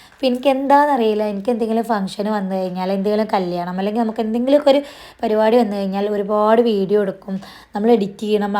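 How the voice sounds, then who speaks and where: A woman's voice: medium pitch, a little mellow. A woman narrating her shopping vlog in a chatty voice-over, her voice a little strained. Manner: chatty, sprinkles tag particles, talks fast. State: voice strained after losing it. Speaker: vlogger.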